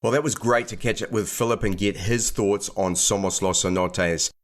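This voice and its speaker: A man's voice: on the low side, steady tone, normal speed. A man hosting a podcast, chatting in a friendly, upbeat way with his guests. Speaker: podcast host. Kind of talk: casual interview chat.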